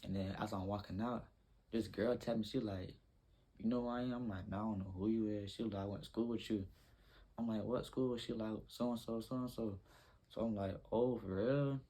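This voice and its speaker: A man's voice: lowish voice, fairly even intonation, brisk, dark tone, slightly rough. A young man telling a rambling, slangy story in a casual storytime vlog.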